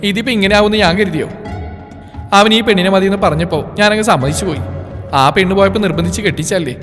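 A man's voice: high voice, fast, fairly bright tone, long reverb tail, faint music behind, pitched above the performer's own voice. A man voicing a middle-aged aunt who complains and defends herself in a raised voice. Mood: defensive.

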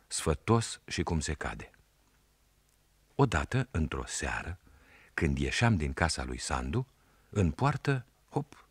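A man narrating a historical story in a measured, storytelling manner. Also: a bass voice, a bit bright, husky, dry recording.

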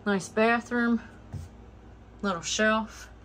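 Speaking extremely slowly in a fairly high, steady, slightly bright voice, a late-twenties vlogger from the eastern US shows viewers around her small manufactured home. She talks plainly, listing things as she goes, recorded on a phone camera that starts front-facing and then walks, with a little hiss or hum.

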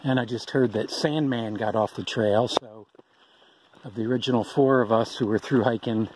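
A middle-aged man records a casual trail vlog outdoors on a handheld camera. He rambles easily with plenty of ums. Outdoor noise is clearly heard behind him, and his voice sits at an ordinary pitch for a man. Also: moderate pace. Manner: chatty, rambling, with ums and uhs. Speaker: thru-hiker vlogger.

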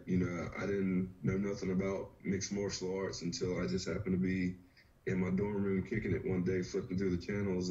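A man in his thirties from rural Virginia talks in a low, deep voice, easygoing and unhurried as he tells his story. He comes through a video call with dull, lo-fi sound. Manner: laid-back, relaxed storytelling with "you know". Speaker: fighter, podcast guest. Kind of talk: casual interview. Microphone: webcam or laptop on a video call.

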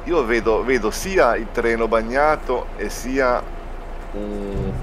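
A man chatting casually as a co-player during gameplay, halting and often repeating his words. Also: medium pitch, music in the background. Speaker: co-player on a gaming stream. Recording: vehicle noise behind voice.

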